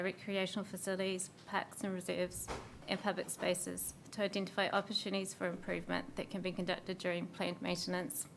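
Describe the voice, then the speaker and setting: Hoarse New woman, gravelly and even-toned, presenting a formal council submission. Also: on the low side, slight background noise. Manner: steady, measured reading with small slips and fillers. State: hoarse, losing her voice.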